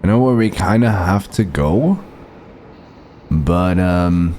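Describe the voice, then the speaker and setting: A man with a rough morning voice giving halting, unsure commentary while he plays a game. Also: low voice, lively intonation, dark tone, a little hiss or hum. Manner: halting, unsure, lots of fillers. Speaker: gamer.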